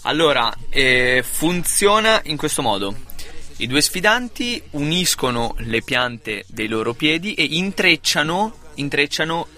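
A man with a bright, forceful voice hosts a comic show. He banters casually in a mock-serious sports style and repeats phrases for effect, with light music underneath. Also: fairly high pitch, very animated, a little slow. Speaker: comedy radio show host. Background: music under the talk.

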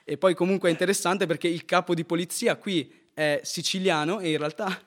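A man's voice: high-pitched, fairly even intonation, a little fast. Earnest man reviewing a film. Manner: earnest, with tag questions. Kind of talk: casual film review chat.

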